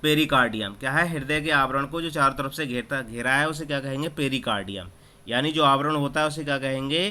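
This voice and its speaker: Bright-voiced man teaching exam prep. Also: mid-range voice, steady tone, a little fast, few pauses. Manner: asks a question then answers it himself, repeating key terms. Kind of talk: exam-prep lesson over screen recording. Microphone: screen-recording app mic.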